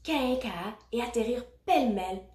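A woman reading a children's picture book aloud, expressive and adding little asides for children. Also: a little high, a little fast. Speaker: storybook reader. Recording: roomy echo.

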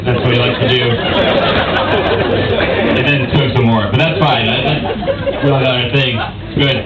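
A man's voice: mid-range voice, fairly even intonation, normal speed, over a noisy crowd. A young man telling a joking story as a wedding toast, speaking into a handheld mic through speakers in a large party tent. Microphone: handheld mic through speakers, far camera. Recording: echoey, distant, noisy camcorder audio.

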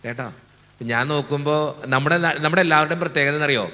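A man's voice: fairly high pitch, fast talker, sharp tone. A man, a Keralan priest, preaching a casual, teasing sermon and leading his congregation in call-and-response. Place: church. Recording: echoey hall.

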